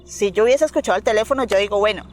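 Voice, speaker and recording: A woman's voice: medium pitch, rapid-fire, soft background music. A woman with a Colombian accent, an interview guest recounting a personal experience, acting out the voices in her story and often checking that the listener follows. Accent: Colombian Spanish. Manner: animated storytelling, acting out quoted dialogue, frequent "¿me entiendes?".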